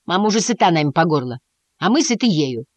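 A woman voicing a chorus of cheeky, restless young mice in a storybook reading, loud and brash. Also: fairly low pitch, big pitch swings, fast talker, no room sound, dull audio.

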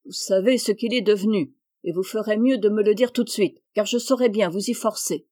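A woman reading aloud, voicing a hot-tempered teenage girl who shouts and accuses in a storybook. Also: medium pitch, brisk, natural voice. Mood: accusing.

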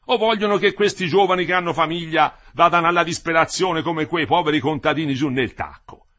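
A man's voice: a little high, a little fast, sharp tone, pitched above the performer's own voice. A man voicing an indignant old bricklayer. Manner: grumbling, indignant, questioning. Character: old grumbling Florentine bricklayer, moderate socialist.

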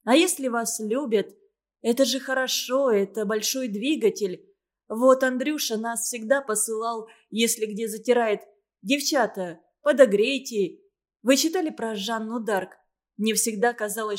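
Woman playing a preachy indignant young woman, loud scolding, fairly high voice, audiobook. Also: measured pace, natural voice. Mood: lecturing. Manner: scolding, moralizing.

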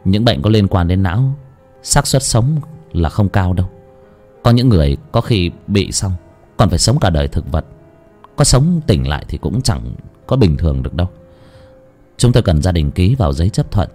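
Steady grave doctor, low voice, explains slowly, as a storyteller puts him on. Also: male voice, faint music behind. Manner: measured, explanatory. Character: calm middle-aged male surgeon, measured, grave.

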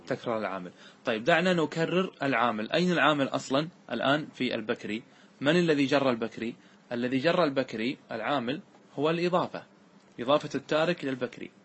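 A man's voice: medium pitch, fairly bright tone, slightly rough. Man teaching grammar with rhetorical questions. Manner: asks questions and answers them himself, repeats rules patiently. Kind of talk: classical grammar lesson.

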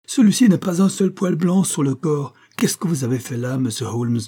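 A man reading aloud and voicing an excitable, agitated older colonel who owns a racehorse. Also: mid-range voice, brisk, husky, natural voice. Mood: excited. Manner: excitable, exclaiming.

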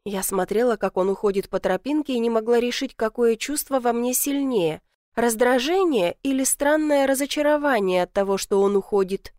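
A woman narrating a first-person audiobook in a lively, expressive storytelling manner. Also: on the high side, normal speed, no echo, clean studio sound.

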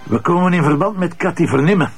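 Een acteur die een droge, sardonische Vlaamse politiecommissaris speelt die mensen ondervraagt in een radioprogramma. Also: male voice, on the high side, lively intonation, fast talker, slightly rough, soft background music. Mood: probing. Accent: Flemish. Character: dry, probing Flemish police commissioner.

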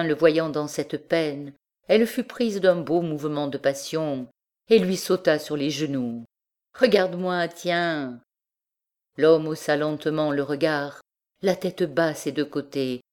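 A woman narrating a classic novel as an audiobook, reading in a slow, measured way. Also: low-pitched, a little mellow. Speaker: audiobook reader.

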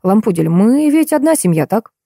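A woman reading an audiobook, voicing a sly, smooth-talking husband who teases in a wry way. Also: medium pitch, big pitch swings, normal speed, dark tone, no room sound, clean studio sound. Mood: coaxing.

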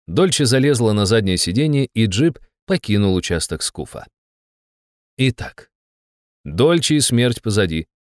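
A man narrating an audiobook in a lively, wry manner. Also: lowish voice, a little slow, no room sound, studio quality.

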